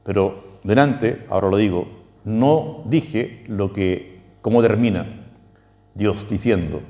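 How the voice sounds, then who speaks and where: A man's voice: takes it slowly, long reverb tail, dull audio. A man with a Chilean accent, a priest giving a spiritual lecture, posing questions and quoting texts with emphatic rises. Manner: lively, questioning, quotes texts with emphatic pitch leaps.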